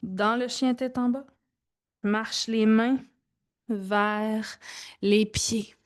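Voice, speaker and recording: A woman teaches a gentle yoga class, giving soft, informal cues with pauses as she demonstrates. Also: on the high side, steady tone. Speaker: yoga instructor.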